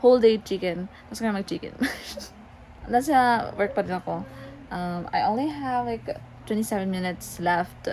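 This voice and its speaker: A woman vlogger with a Filipino accent talks casually and chattily, slipping between two languages. Her voice is mid-pitched, recorded with clear noise around her. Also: normal speed, a little mellow, low-quality recording. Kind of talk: casual vlog chat.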